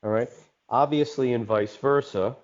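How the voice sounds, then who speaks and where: A man's voice: medium pitch, normal speed. A man teaching an online webinar in a conversational way, often checking in with "okay?". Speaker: instructor. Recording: dull lo-fi webinar audio.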